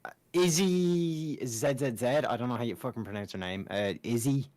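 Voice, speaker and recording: A young man in a casual podcast chat, swearing freely and quickly getting exasperated when teased. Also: medium pitch, a little mellow.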